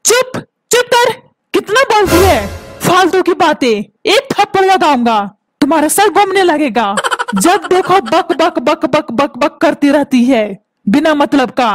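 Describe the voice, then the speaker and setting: A woman doing a squeaky bossy cartoon husband. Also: expressive, unhurried. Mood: scolding. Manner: scolding, barking orders. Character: bossy grumpy husband, middle-aged man, short-tempered. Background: background music.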